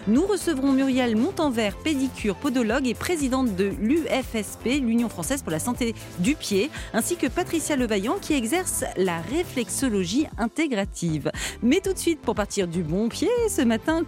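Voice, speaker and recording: Radio host, female, from Paris, very lively pitch, faint music bed behind. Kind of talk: upbeat radio show presenting.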